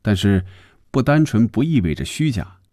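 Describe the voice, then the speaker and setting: Man voicing a deep-voiced, teasing salesman for a radio serial, dry close sound. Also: sing-song, moderate pace, warm tone, no room sound. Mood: easy. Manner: coaxing and joking. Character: glib male salesman, easygoing and teasing.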